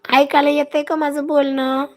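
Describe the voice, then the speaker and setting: A woman with a Marathi accent, hoarse from a cough, hosting a casual live stream and greeting and thanking her viewers by name. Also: high-pitched, flat delivery, normal speed, darkish tone.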